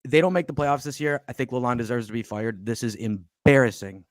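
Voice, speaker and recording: A man's voice: medium pitch, brisk, no echo, studio quality. A man co-hosting a sports podcast, talking bluntly and with exasperation, with some swearing. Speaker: podcast co-host. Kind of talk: heated sports podcast talk.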